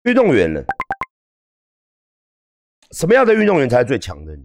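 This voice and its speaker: A Taiwanese man with a Taiwanese Mandarin accent ranting on a livestream, profane and heated, swinging between calm lecturing and yelling. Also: medium pitch, normal speed, slight background noise. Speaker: livestream host. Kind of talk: livestream rant.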